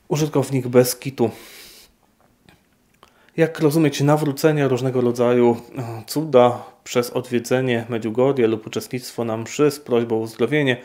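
A man, a priest, answering viewer questions in an unscripted Q&A, speaking in a measured way with frequent hesitations. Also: mid-range voice, darkish tone.

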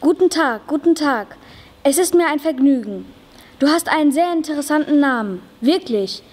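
A woman reading the part of a lively little old chocolate maker, greeting his guests effusively. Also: high voice, normal speed. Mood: welcoming. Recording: long reverb of a school hall.

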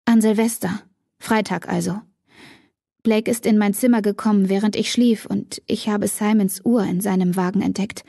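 Lady doing a tearful teen girl, voice cracking up high, husky and a bit gravelly. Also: steady tone, normal speed, dark tone, dry recording, studio quality. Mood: tense. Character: emotional teenage girl, tearful and torn.

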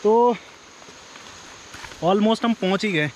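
A man's voice: high voice, drawn-out words, a little mellow, slight background noise, rough recording. A man, vlogging outdoors in hill country near a river, chatty and joking as he talks straight to viewers on a handheld camera. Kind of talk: casual vlog narration.

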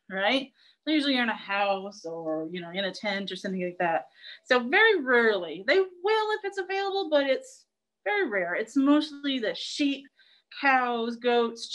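A young woman talks with a high, bright-sounding pitch. She teaches an online zoo class in a chatty, playful way and laughs easily. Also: lively intonation, normal speed, rough recording. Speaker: zoo educator. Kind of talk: live online zoo lesson.

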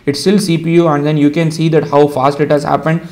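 A man with an Indian accent hosting a casual coding tutorial, explaining each step in a relaxed way with frequent ums and uhs. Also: on the high side, fairly quick. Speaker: tutorial host.

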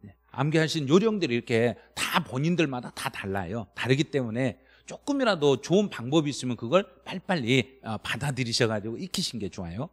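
A middle-aged man teaching a live-stream exam lecture, excited and quizzing his viewers. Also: fairly quick, in a large hall. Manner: animated, jumps to high excited pitch on key words, quizzes the chat. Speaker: real estate tax law instructor.

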